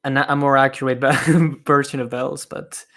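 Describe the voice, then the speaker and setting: A man hosts a laid-back music podcast at an ordinary pitch. He talks haltingly, often restarting his sentences and breaking into soft laughs, in a casual, unscripted chat. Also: little pitch movement. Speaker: podcast host and music reviewer.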